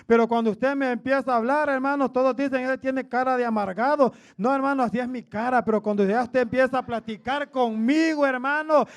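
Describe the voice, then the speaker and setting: A man preaching a sermon in a loud, booming voice, calling his listeners "hermano" after nearly every phrase. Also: steady tone, fairly quick, creaky, hardly any pauses.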